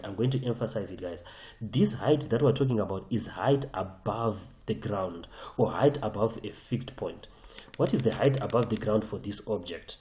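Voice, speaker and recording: A man's voice: on the low side, dark tone, echoey room. A man teaching a physics lesson over a whiteboard, emphatic and often repeating and restarting his phrases. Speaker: physics tutor.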